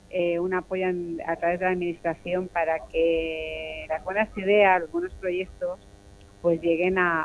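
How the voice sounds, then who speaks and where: A woman calling in over a live phone line from a somewhat noisy place, talking haltingly and restarting as she searches for words. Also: fairly low pitch. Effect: heard over a live phone call. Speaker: caller. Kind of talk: live call-in question on a radio show. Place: somewhere with some background noise.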